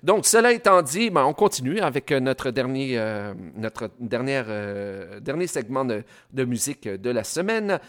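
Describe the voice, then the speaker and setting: A man's voice: medium pitch, animated, moderate pace, hardly any pauses, a bit bright. Chatty Québécois man hosting radio. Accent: Québécois French. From Quebec. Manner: hesitant, many fillers, chatty asides. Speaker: radio host. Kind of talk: casual radio presenting.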